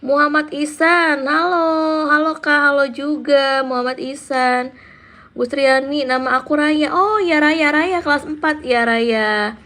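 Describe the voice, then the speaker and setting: A woman in her thirties talks casually on a live stream in a high voice, greeting viewers by name and answering their comments. She speaks at an unhurried pace, at home and chatty. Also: fairly even intonation, sharp tone. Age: 30s. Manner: chatty, reads out viewer names and answers them.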